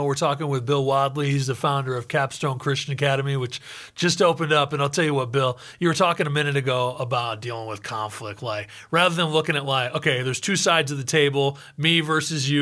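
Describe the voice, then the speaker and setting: Bright-voiced male radio host. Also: medium pitch, a little fast. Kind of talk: radio interview.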